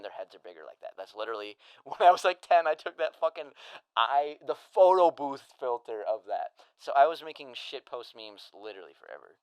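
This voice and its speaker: A man's voice: mid-range voice, pushed and bright, clear, resonant tone, no room sound. A man chatting casually while he paints, laughing often, swearing and rambling. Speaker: co-host. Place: home room with an open window.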